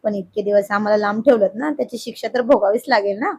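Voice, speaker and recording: A woman voicing a playful, teasing young husband in a storybook reading, in a husky voice. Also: mid-range voice, fast, dark tone, no echo. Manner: teasing, coaxing.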